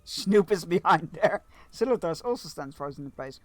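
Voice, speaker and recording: A male game streamer chats sarcastically through a quest, his voice fairly high and swinging widely in pitch. He swears, reads the quest lines aloud, and sits close to a dry, deadened mic. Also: lively intonation, normal speed, dry recording. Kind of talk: casual live-stream commentary.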